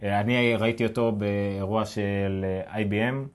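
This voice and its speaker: A man with an Israeli accent co-hosting a casual tech news chat, speaking haltingly as he searches for words. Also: lowish voice, fairly even intonation. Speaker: podcast co-host.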